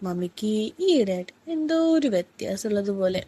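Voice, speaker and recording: A woman voicing an earnest, hesitant young man in a story reading, speaking low and haltingly. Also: lively intonation, warm tone, natural voice.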